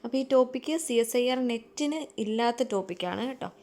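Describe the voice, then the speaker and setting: A woman's voice: on the high side, animated, fast talker, dark tone. A woman with a Malayali accent teaching an exam-prep lesson, explaining step by step and often checking in with her listeners.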